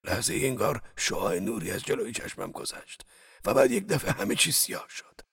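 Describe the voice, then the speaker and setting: A man narrating a story in the first person, reading with expressive, dramatic delivery. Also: lowish voice, creaky, slightly rough. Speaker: audiobook narrator.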